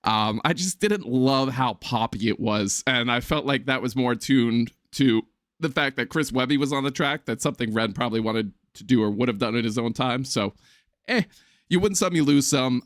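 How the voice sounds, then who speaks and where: A man's voice: medium pitch, fairly bright tone, dry recording, clean studio sound. A man hosting a music reaction video, talking casually with filler ums and hiccuping as he goes. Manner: chatty, rambling, with filler ums. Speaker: music reaction channel host.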